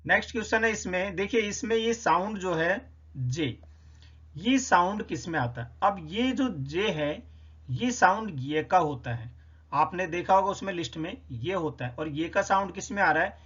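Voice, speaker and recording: A man explains a phonetics quiz, working through each answer step by step. His voice sits fairly high, and he says each sound over slowly. The recording is slightly dull and lo-fi. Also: expressive, a bit bright, slightly rough. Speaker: English teacher.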